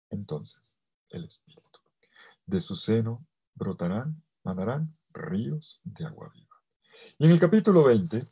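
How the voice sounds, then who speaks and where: A priest teaching theology to a remote audience, his voice low, dark and a little husky. He moves from forceful emphasis down to near-whispered phrases. He slows right down on the words he wants to land. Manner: swings between loud emphasis and soft, almost whispered phrases; stretches key words slowly for weight. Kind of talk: theology lecture to a virtual audience.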